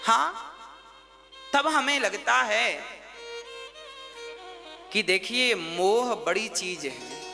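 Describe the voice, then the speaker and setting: A man's voice: high voice, lively intonation, drawn-out words, creaky, pauses often. A man telling a devotional story as a sermon, urging the listeners directly as he preaches to an audience in a large hall. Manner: exhorting, addresses listeners directly. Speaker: religious storyteller. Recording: reverberant hall with instrumental music.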